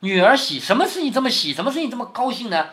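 A man's voice: extremely high pitch, very animated, racing, fairly bright tone. A man reading a classic novel aloud to his daughter, stopping often to explain it and check that she follows. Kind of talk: storytelling with explanations.

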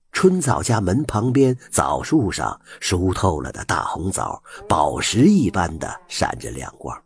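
A man telling a folk tale with an animated, expressive delivery. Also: low voice, husky. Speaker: storyteller.

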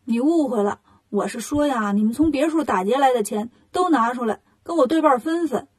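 A woman voicing a clever, cocky monkey king in a storybook reading, speaking briskly and teasingly. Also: sits high, lively intonation, a little mellow, breathy edge.

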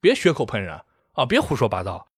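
A man's voice: medium pitch, huge pitch swings, fairly quick, husky, no room sound, studio quality, pitched below the performer's own voice. A man voicing a dismissive, scolding chief god who sends a builder away. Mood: scornful. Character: scornful commanding chief god, older male.

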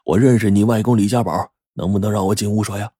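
A man voicing an old grey-haired father who speaks slowly and chokes with emotion as he finds his lost son. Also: lowish voice, fairly even intonation, dark tone, slightly rough, no room sound, studio quality. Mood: tearful, trembling. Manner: trembling, slow, choked with emotion.

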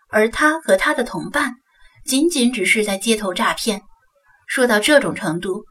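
Husky woman narrating a novel. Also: fairly high pitch, fairly bright tone, distant mic. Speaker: audiobook narrator.

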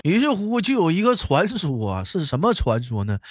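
A man with a Northeastern Mandarin accent hosts a comedy show, telling listener jokes in a high voice that swings all over the place. He laughs through his lines and mimics the people he quotes. Music plays clearly behind him. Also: moderate pace. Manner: animated, laughs often, acts out quoted people. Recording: music playing under the voice.

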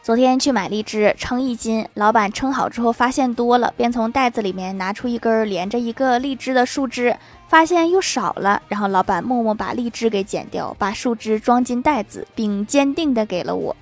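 A woman narrating short funny anecdotes with deadpan punchlines and wry laughs. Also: fairly high pitch, brisk, hardly any pauses. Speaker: comedic storyteller. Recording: music bed underneath.

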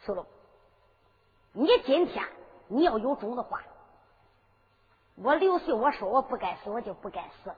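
A woman's voice: on the high side, lively intonation, normal speed, pauses often, breathy edge, big-room sound, phone-quality sound, pitched below the performer's own voice. Woman voicing a defiant young prince with a Henan accent. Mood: taunting. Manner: taunting, emphatic storyteller delivery. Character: young male emperor-to-be, defiant and bold.

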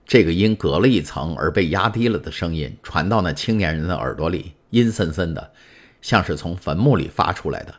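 A man narrating a classic novel in an expressive, measured storytelling manner. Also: deep voice. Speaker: audiobook narrator.

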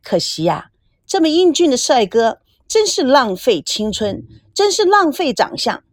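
A chatty teenage little sister who thinks she knows everything, as a woman reader puts her on. Her voice is highish and bounces all over the place, coaxing and lively. The recording is dry and close, with no room around it. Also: measured pace, no echo, exaggerated voice. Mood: teasing. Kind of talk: audiobook character voice.

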